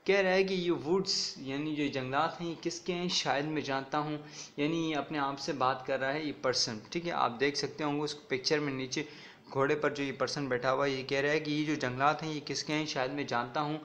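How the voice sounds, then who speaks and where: A male teacher giving a recorded classroom lesson. He mixes Hindi-Urdu with English, reads each English line slowly, then explains it, and keeps checking with "ठीक है ना". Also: on the high side, steady tone, fairly bright tone, slight background noise. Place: recorded video lecture.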